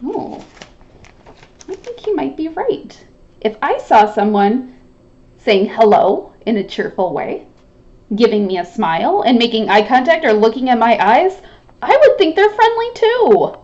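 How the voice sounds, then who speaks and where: A woman reading a story aloud to children and pausing to ask them questions, animated and encouraging like a teacher. Her voice is high and swings widely, at an unhurried pace. The recording sounds slightly dull and lo-fi. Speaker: storytime reader.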